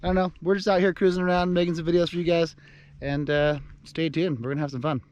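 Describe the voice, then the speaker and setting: A man's voice: fairly high pitch, little pitch movement, fast talker, a little mellow, slight background noise. A young man chatting casually outdoors beside his off-road vehicle, rambling with many fillers and restarts. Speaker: off-road vlogger. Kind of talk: casual chat on camera.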